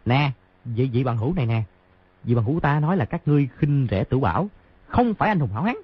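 A man's voice: big pitch swings, quick pace, husky, dull audio. A man voicing a cheeky teenage boy who teases and stirs up trouble, reading a story. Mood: teasing. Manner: shrill, teasing, stirring up trouble.

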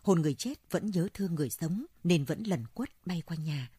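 A kindly old grandmother soothes a grieving child, voiced by a woman. Her voice is low and husky and stays soft and gentle. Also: lively intonation, moderate pace, no room sound, clean studio sound. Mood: hushed.

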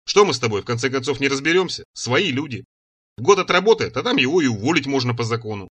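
A man's voice: medium pitch, big pitch swings, fast talker, fairly bright tone, husky. A man reading an audiobook, voicing a shrewd, pragmatic male friend who argues wryly.

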